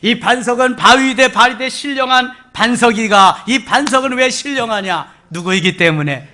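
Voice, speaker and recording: A man's voice: extremely high pitch, normal speed, bright, forceful tone. An older man preaching a sermon as pastor in a church, emphatic and exclamatory, with sudden outbursts. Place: church sanctuary.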